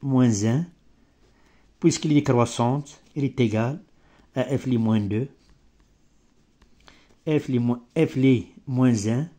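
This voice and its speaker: In an improvised maths lesson, a male teacher who isn't a native French speaker works through each step in halting, broken French, making grammatical mistakes and groping for words. His voice is mid-range and warm.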